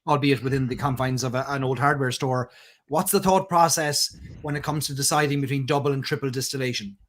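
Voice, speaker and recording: A man at an ordinary mid-range pitch hosts the event and puts questions to his guest. He speaks in long, measured sentences and passes on questions from the audience. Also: steady tone, fairly bright tone, slight background noise. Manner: measured, relays viewer questions. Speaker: event host asking questions. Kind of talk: interview questions.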